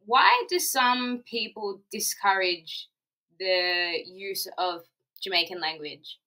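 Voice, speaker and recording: Australian woman, host, bright voice, curious, casual questions. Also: medium pitch, slow pace, rough recording. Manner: curious, loose questions with fillers. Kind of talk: casual interview conversation.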